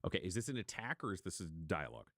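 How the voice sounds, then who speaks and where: A man narrating as game master of a tabletop role-playing game, setting scenes slowly and chatting casually with players. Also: low-pitched, big pitch swings, fairly bright tone, no room sound, studio quality. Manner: slow, deliberate scene narration with casual asides.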